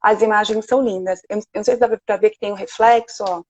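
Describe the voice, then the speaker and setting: A woman with a Brazilian Portuguese accent, a sleep consultant speaking gently and reassuringly on a live video call. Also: mid-range voice, steady tone, quick pace, lo-fi sound.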